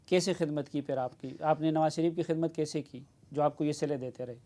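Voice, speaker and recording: A man's voice: a little high, steady tone, dark tone. A man hosting a TV interview who presses his guest with challenging questions. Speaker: TV interviewer and host.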